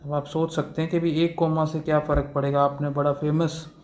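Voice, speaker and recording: Speaking fairly quickly, with a fairly high pitch, a flat delivery and a somewhat mellow tone, a man teaches a law class. He breaks things down step by step, drops in English legal terms and fillers, and poses rhetorical questions to his students.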